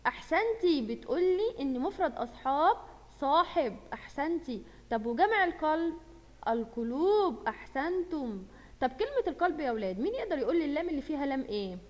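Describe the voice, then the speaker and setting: A high-pitched woman with an Egyptian Arabic accent teaches a lesson to young children. She keeps asking questions and praising the class. Her voice rings with a long reverb, as if recorded in a large hall. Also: big pitch swings, fast talker, darkish tone. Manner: encouraging, asks questions and praises pupils. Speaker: primary school Arabic teacher.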